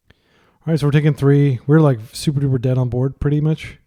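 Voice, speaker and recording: The speaker is a young man commentating on his own card game, musing aloud casually and chattily with filler words. His voice sits at a medium pitch and sounds mellow.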